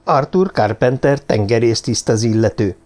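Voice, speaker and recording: A man's voice: medium pitch, animated, a little mellow, lightly acted. A man voicing a boastful, jovial male police inspector in an audiobook reading, telling his story with eager self-satisfaction.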